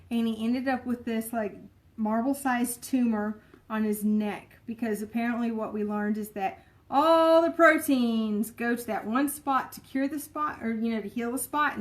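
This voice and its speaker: A woman talks in a loose, rambling way, full of fillers and little asides. Her voice sits a touch high. It sounds like an easy, unscripted home vlog chat. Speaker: vlogger. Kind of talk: casual chat.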